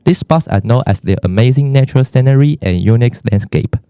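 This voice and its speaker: A man's voice: mid-range voice, expressive, quick pace, mellow, clean tone, dry recording. A teenage boy from Taiwan co-hosting a school podcast, reading a script with small stumbles. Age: teens. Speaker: co-host.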